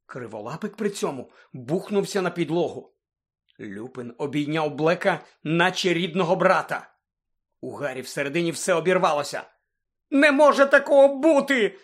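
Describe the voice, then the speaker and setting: A male audiobook narrator telling a novel with dramatic expression. His voice sits a little high and shifts in pace and volume with the story. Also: expressive, moderate pace, fairly bright tone, husky.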